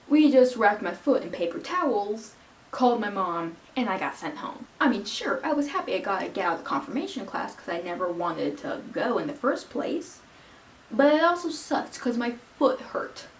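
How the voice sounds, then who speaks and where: A young woman vlogger telling a personal story in an animated, self-mocking way. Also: on the high side. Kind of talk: storytelling vlog. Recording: echoey room, far from mic.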